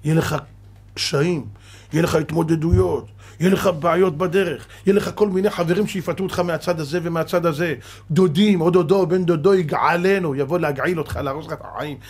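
A man who is a rabbi, giving a sermon in an emphatic preaching manner, asking rhetorical questions and sometimes bursting out loud. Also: on the high side, breathy edge.

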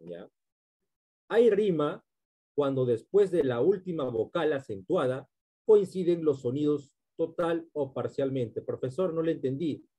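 A man's voice: on the high side, lively intonation, unhurried, mellow, breathy edge. A male teacher giving a literature class, explaining step by step and often checking in with his students.

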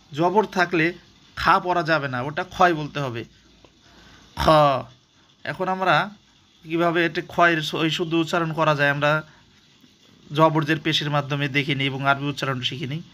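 Patient man teaching letters, bright voice. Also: a little high, steady tone. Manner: patient, repeats each letter slowly, asks and answers own questions. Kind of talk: step-by-step recitation lesson.

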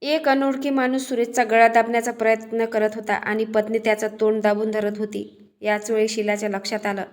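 A woman narrating a true crime story in a steady, scripted storytelling delivery. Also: fairly high pitch, fairly quick.

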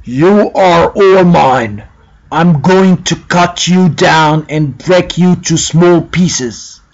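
A man voicing a greedy older brother who shouts offensively. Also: a little high, extremely slow, pitched above the performer's own voice. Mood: gloating. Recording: dull lo-fi home recording.

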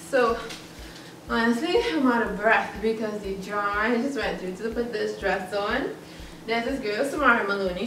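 A woman's voice: medium pitch, noisy background. A young woman chatting casually through a clothing try-on haul, giggly and a little self-conscious. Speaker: vlogger. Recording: echoey room from far off.

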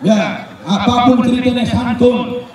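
Man, high voice, joking crowd speech, booming echo with a crowd behind. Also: fairly even intonation, measured pace. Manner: joking, loud, acts out little dialogues. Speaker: speaker at a campaign welcome. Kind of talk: humorous moral speech to a crowd. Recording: heavy echo, far from the mic, crowd noise.

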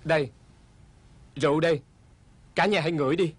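A man playing a calm, forgiving young husband in a dubbed folk-tale drama. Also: fairly high pitch, fairly quick, slightly rough, no room sound.

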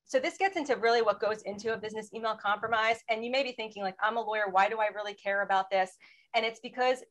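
A woman speaking as a panelist in a webinar presentation, explaining in a steady way and asking for slide changes. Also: fairly high pitch, quick pace, rough recording. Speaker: federal law enforcement panelist.

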